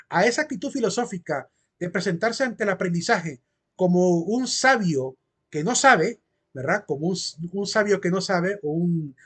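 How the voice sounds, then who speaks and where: A man's voice: sits high, a bit bright. A man teaching a philosophy class as a lecture, explaining step by step and often checking in with "¿verdad?". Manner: explanatory, repeats phrases and asks "¿verdad?".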